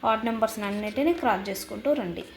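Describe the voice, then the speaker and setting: Woman teacher slowly spelling words out. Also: mid-range voice, over music. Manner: slow and repetitive, spelling words out letter by letter, many drawn-out "aa" fillers. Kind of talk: explaining teaching methods for young children. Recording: echoey room with faint ambient noise.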